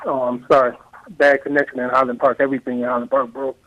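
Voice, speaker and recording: A male caller phones in to a talk radio show on a bad line, and his voice keeps cutting in and out. The sound is muffled and dull. He answers in short, clipped phrases at an ordinary pitch. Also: level tone, quick pace, fairly bright tone. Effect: phone call breaking up, voice cutting in and out.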